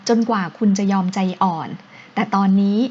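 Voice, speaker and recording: A sly, affectionate young husband coaxes and teases in an audio novel, as a woman reader puts him on. The voice is breathy and slightly husky. The recording sounds dull and lo-fi. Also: mid-range voice, moderate pace, a little mellow, natural voice. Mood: teasing, coaxing. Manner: coaxing, teasing.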